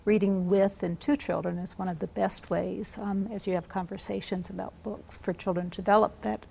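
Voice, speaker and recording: A woman's voice: medium pitch, level tone, normal speed, creaky, darkish tone, slight background noise. A woman guest on a studio morning show, speaking earnestly about reading to children with frequent ums. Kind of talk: studio interview.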